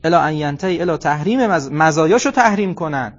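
A middle-aged man giving a religious lecture, emphatic, moving between quiet asides and loud stressed phrases. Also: a little high, animated. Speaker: cleric lecturer. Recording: muffled lo-fi recording.

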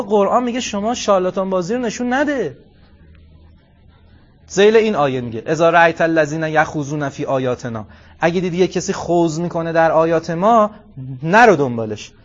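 A middle-aged man delivers a religious lecture, his voice pitched a touch high. He shifts between hushed asides and loud, stressed phrases. The recording sounds dull and muffled. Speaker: cleric lecturer.

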